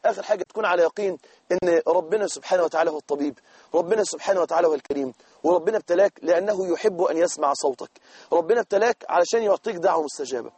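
Egyptian male preacher, high-pitched and fast, earnest exhorting delivery. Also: darkish tone, slightly rough, dry recording. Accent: Egyptian Arabic. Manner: earnest, exhorting, addresses listener directly. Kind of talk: sermon.

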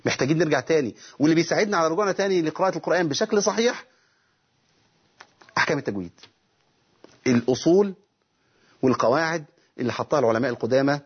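Fast-talking Egyptian sheikh teaching tajweed. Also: male voice, a little high, lively intonation, slightly rough, muffled recording. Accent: Egyptian Arabic. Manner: asks himself questions and answers them, demonstrating recitation. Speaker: Quran recitation teacher. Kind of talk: televised tajweed lesson with question-and-answer.

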